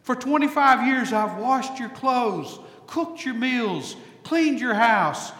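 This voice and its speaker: A man's voice: very high-pitched, expressive, slow pace, fairly bright tone, voice pushed up, exaggerated voice. A man preacher voicing a weary middle-aged farm wife who sighs and answers with dry exasperation. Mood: exasperated. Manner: sighing, exasperated. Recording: echoey hall.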